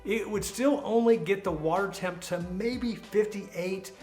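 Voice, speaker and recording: An American man talks like a vlogger sharing his own experience, in a fairly high-pitched voice. His delivery is conversational and casual, repeating words to drive points home. Light music plays behind him. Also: unhurried, darkish tone. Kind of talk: casual personal storytelling to camera.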